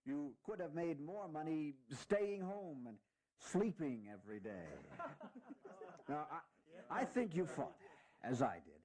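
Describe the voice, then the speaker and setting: A man playing a dignified, fatherly aging general, giving stirring, deliberate and sometimes halting oratory in a historical audio drama. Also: a little high, a little mellow, rough recording. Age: older.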